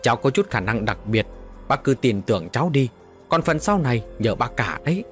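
A man as a calm young occult hero. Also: mid-range voice, brisk, faint music behind, natural voice.

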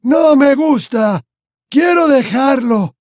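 A male audiobook reader voicing an elderly wizard headmaster with slow, high, drawn-out pleas. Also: very animated, dark tone, breathy edge, no room sound, clean studio sound, heavily acted. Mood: terrified, begging. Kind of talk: audiobook character voice.

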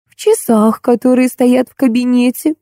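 Woman doing a high cooing fussy old nanny, storybook, dark dry voice. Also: normal speed, no echo, close to an everyday voice. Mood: fussing. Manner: fussing, soothing.

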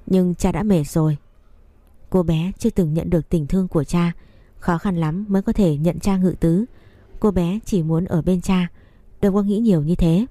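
A woman narrating a story in a steady, even reading voice. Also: fairly low pitch, normal speed, no room sound.

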